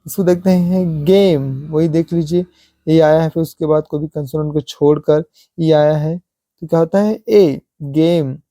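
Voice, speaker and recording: A man teaching English pronunciation, repeating example words slowly and asking rhetorical questions. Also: a little high, level tone, mellow, no room sound. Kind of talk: slow classroom explanation.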